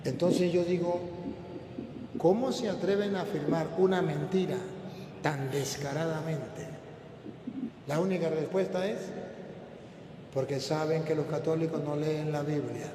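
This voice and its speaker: Priest preaching in an echoey hall. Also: male voice, fairly high pitch, steady tone, unhurried, pauses often. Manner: emphatic, rhetorical questions put to the crowd. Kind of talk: preaching to a live audience. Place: large hall before an audience. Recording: echoey hall with loud background noise.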